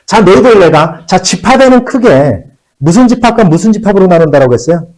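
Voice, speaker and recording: A man teaching high school math in a classroom, repeating key phrases and checking in with the students again and again. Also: animated, fairly quick, a little mellow, rough recording. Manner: switches between polite and casual speech. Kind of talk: classroom lecture.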